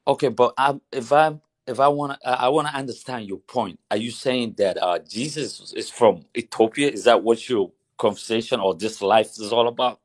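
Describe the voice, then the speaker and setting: A man's voice: mid-range voice, moderate pace, hardly any pauses, no echo. A man from Somalia calling into a live chat, asking questions hesitantly and restarting his sentences. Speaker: caller. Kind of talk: casual chat.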